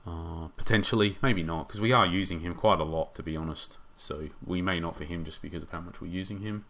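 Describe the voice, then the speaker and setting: A man giving casual game commentary, thinking aloud and rambling with hesitations, his voice getting hoarse. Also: low-pitched, a little fast, fairly bright tone.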